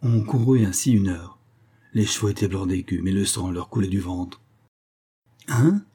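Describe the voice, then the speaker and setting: Low, husky male audiobook narrator. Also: steady tone, moderate pace, mellow. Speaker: audiobook reader. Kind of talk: scripted narration.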